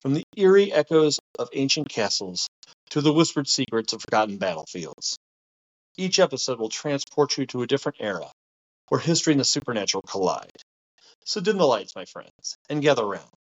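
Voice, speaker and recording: A man's voice: mid-range voice, very animated, fairly quick, highs cut off. A man hosting a podcast, reading a scripted spooky introduction like a horror host, ominous and theatrical. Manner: theatrical, ominous storyteller delivery.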